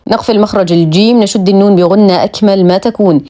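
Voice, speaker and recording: A woman teaching Quran recitation rules, explaining each rule and then reciting words slowly and precisely. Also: mid-range voice, mellow. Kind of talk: tajweed lesson, explaining rules between slow recited words.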